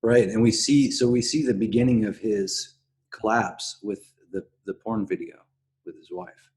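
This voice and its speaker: A man hosting a casual podcast discussion, speaking in a halting way and often backtracking on his words. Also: fairly low pitch, steady tone, darkish tone, breathy edge. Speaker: podcast host.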